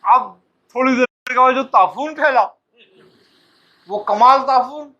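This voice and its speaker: High bright-voiced man telling a story. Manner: casual, acts out dialogue with quick voice shifts. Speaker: Sufi teacher telling a story. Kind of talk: storytelling talk to disciples. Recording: dull lo-fi recording.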